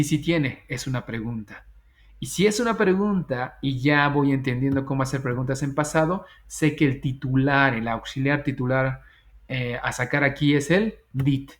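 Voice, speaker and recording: A man teaching an English grammar lesson, slowly spelling out English example sentences between his explanations. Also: medium pitch. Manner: slow, deliberate dictation of English example sentences.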